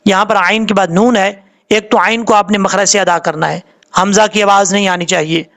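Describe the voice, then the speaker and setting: A man teaching a tajweed lesson in Urdu with a Pakistani accent, spelling words out sound by sound and chanting the verses in long drawn-out notes. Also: high voice, steady tone, creaky, a bit bright. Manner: slow letter-by-letter drilling, drawn-out chanted recitation.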